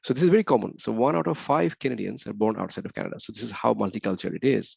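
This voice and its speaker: A webinar presenter with a gravelly, lowish, darkish voice races through a slide presentation that mixes English and Bengali. He's animated, repeating key points and asking rhetorical questions. His computer mic on the video call yields dull, slightly muffled audio with no room sound.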